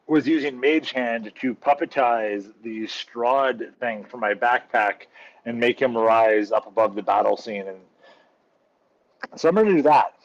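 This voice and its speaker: A man playing a tabletop game, thinking aloud and checking the rules mid-sentence. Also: mid-range voice. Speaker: player. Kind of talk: casual tabletop game chat. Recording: slightly dull lo-fi sound.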